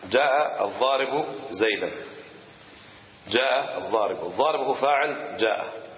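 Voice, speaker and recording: A man gives a grammar lesson and patiently recites word lists in a steady, measured rhythm. His voice sits at an ordinary middle pitch. It carries a long echo through a lecture room on a dull, lo-fi recording with a faint hiss underneath. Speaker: grammar teacher. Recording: echoey hall, dull lo-fi sound.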